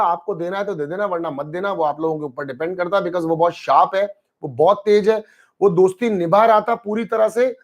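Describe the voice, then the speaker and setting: Brief: male streamer, high-pitched, animated and chatty, reads comments to his audience. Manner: animated, mixes Hindi with English phrases, addresses chat by name. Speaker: live-stream host reviewing a reality show. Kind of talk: casual live-stream chat reading viewer comments.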